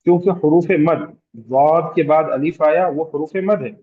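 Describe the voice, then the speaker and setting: Male tajweed teacher with a Hyderabadi Urdu accent, fairly high voice, unhurried, patient, quizzes students, stretches vowels to demonstrate, dull lo-fi recording. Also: steady tone. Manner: patient, repeats terms and asks the class questions; draws out vowels to demonstrate elongation. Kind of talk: slow classroom lecture.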